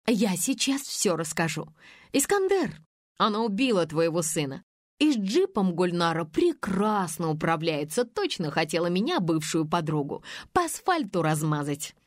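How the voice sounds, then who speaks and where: A woman reading an audiobook, voicing a brash, spiteful, scheming woman with a shrill, mocking manner. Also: very animated, normal speed, no echo, clean studio sound. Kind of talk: audiobook character voice.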